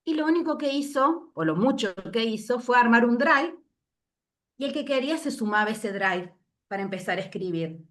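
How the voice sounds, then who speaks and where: Moved woman speaking haltingly. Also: fairly high pitch, expressive, a bit bright. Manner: moved, reflective, halting with fillers. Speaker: invited speaker. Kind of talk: emotional presentation over video call. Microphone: video call.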